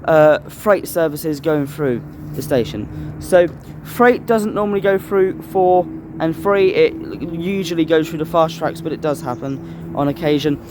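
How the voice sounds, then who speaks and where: A man's voice: fairly high pitch, measured pace, hardly any pauses. A man giving a casual, explanatory vlog outdoors at a railway station. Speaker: vlogger. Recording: faint outdoor station noise. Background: trains and station ambience.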